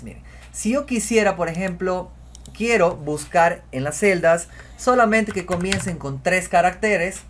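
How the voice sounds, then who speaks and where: A man hosting a screen-recorded software tutorial, talking chattily as he clicks through, often repeating himself and saying "miren". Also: high-pitched, a little hiss or hum. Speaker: spreadsheet tutorial host.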